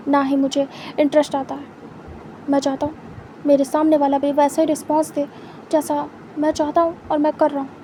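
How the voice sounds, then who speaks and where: A woman's voice: sits high, flat delivery, a little fast, mellow, slight background noise, close to an everyday voice. A woman voicing a young man in a spoken story, a cold, irritated lover who speaks curtly. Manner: curt, irritated.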